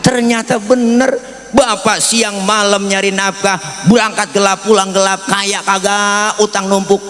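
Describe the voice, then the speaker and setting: A man's voice: sits high, flat delivery, a little slow, fairly bright tone, faint music behind. A man with a Betawi accent giving a comic sermon, joking with the congregation, asking them to agree, and slipping into sing-song chanting. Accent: Betawi Malay. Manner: jokey, often asks the crowd for agreement, lapses into sing-song chanting. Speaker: Islamic preacher. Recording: echoey hall reverb.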